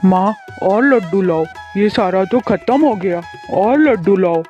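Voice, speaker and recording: A woman's voice: medium pitch, expressive, a little slow, dark tone, faint music behind, voice pushed down, lightly acted. A woman voicing a spoiled, greedy boy in a cartoon story, whiny and demanding.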